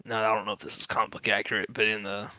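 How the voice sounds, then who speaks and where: A podcast co-host with a fairly low voice chats casually about comic book stories, talking fast as an excitable fan and dropping in plenty of fillers. The audio is dull, with no room sound.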